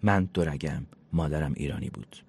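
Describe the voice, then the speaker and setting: Irritable reclusive woman, curt and sarcastic, low husky read, as a male narrator voices her. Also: darkish tone, full character voice. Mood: flat.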